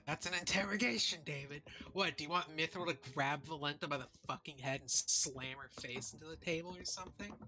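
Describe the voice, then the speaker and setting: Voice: medium pitch, fairly quick, few pauses, pushed and bright. A player in a tabletop game, chatting casually in a blunt, teasing way with frequent swearing.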